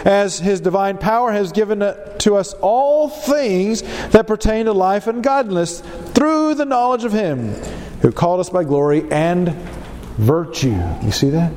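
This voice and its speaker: A man stuffed up with a cold preaches a Bible lesson, sounding congested and pinched-nosed. His high voice is darkish in tone, with lively intonation and a measured pace, and he teaches emphatically using repetition and rhetorical questions. The recording comes from an echoey hall with long reverb and faint background noise.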